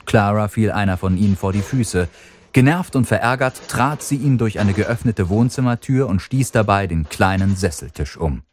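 A man narrating an audiobook in an expressive, dramatic way. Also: on the low side, normal speed, slight background noise.

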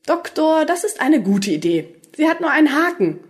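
A skittish young woman who snaps back with cheeky remarks, as a woman reads her. Her lively voice rises and falls freely in this storybook reading. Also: high voice, moderate pace, pitched above the performer's own voice. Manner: jumpy, sassy. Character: nervous, sharp-tongued young woman companion.

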